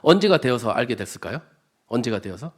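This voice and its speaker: A man's voice: medium pitch, sing-song, fast talker. A man preaching a sermon to his congregation in a conversational way, often asking the listeners questions and acting out quoted speech with emphasis. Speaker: church evangelist preaching.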